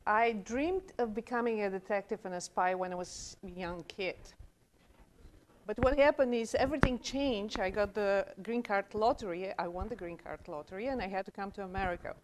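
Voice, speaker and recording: This conference speaker is a Bulgarian woman in her forties with a Bulgarian accent, talking earnestly at a podium mic in a small room and gesturing with both hands. Her voice is mid-range and moderately paced, though the low-quality recording carries a little hiss or hum.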